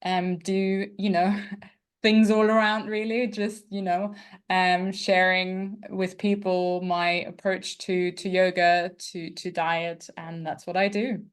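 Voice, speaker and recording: A woman from Austria with a light Austrian accent, hosting a podcast interview and speaking gently and thoughtfully with soft fillers. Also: lowish voice, flat delivery, takes it slowly, clear, resonant tone. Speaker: podcast host, yoga teacher and dietitian.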